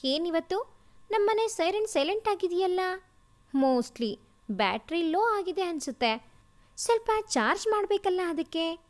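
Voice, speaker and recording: A man's voice: extremely high pitch, a little slow, long pauses, voice pushed up, exaggerated voice. A woman reading aloud and voicing a playful, teasing young man in a storybook tale. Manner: teasing, lively.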